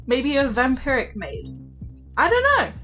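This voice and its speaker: A woman's voice: high-pitched, huge pitch swings, unhurried, pushed and bright, soft background music. A woman streamer commenting on a game playthrough with giggly, joking asides.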